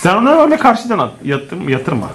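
Excitable male family vlogger, very high pitch, chatty and exclamatory. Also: a little fast, slight background noise. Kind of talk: casual home vlog addressing viewers. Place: home living room with a sofa. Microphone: handheld camera.

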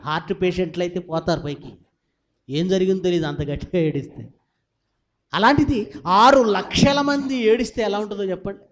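Male pastor with a high voice, dramatic sermon delivery to a large congregation, answers his own questions. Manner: dramatic preaching with sudden rises and drops in volume; asks the congregation questions and answers them himself. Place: large church hall with about four hundred people.

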